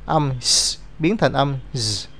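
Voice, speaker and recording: A man's voice: mid-range voice, lively intonation, takes it slowly, pushed and bright, slight background noise. A man teaching an English grammar lesson, explaining rules step by step and reading out example words.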